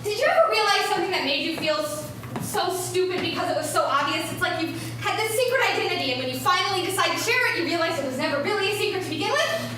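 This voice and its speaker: A woman playing an earnest, excitable, easily confused young woman in a broad comedy. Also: very high-pitched, quick pace. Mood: wistful. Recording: echoey room, distant mic.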